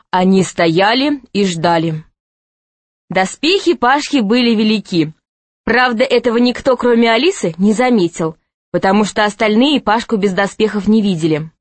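A woman narrating a children's storybook aloud in an expressive, lively reading. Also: mid-range voice, normal speed, no echo. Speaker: audiobook narrator.

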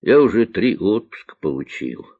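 A man voicing a pompous vice-marshal of aviation who barks orders loudly, in a dull lo-fi recording. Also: sits low, big pitch swings, moderate pace, husky, dry recording, exaggerated voice. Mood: bombastic. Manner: loud, bombastic commanding speech.

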